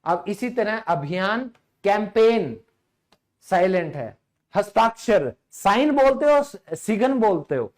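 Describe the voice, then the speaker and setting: Guy teaching english online, kinda hoarse, high voice, keeps asking viewers questions. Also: big pitch swings. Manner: chatty, quizzes viewers with rhetorical questions, slows down to pronounce words. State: slightly hoarse. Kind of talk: online grammar lesson.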